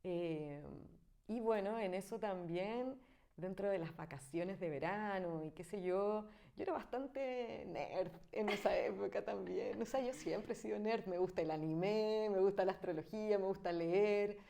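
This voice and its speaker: A woman's voice: medium pitch, unhurried, gravelly, dark tone. A woman in her thirties from Chile with a Chilean accent, a guest artist chatting casually in an interview, thinking aloud with many fillers and frequent laughs. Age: 30s.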